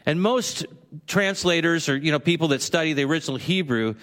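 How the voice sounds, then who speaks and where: A man's fairly high, fairly bright voice moves quickly with lively intonation as he preaches to a congregation. He is a pastor giving a conversational sermon in a church sanctuary, now and then performing the voices of quoted figures, with long hall reverb around him.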